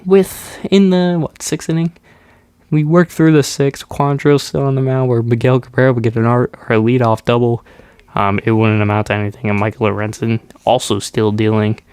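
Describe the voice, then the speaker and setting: A young man with a stuffed-up nose talks through his baseball video game in a loose, easygoing recap, dropping ums and restarting his sentences. His voice comes through smooth and clear at a mid pitch, recorded close on the mic in a dry room with no echo. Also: level tone, moderate pace, a little mellow. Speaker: gaming YouTuber. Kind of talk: casual gameplay commentary.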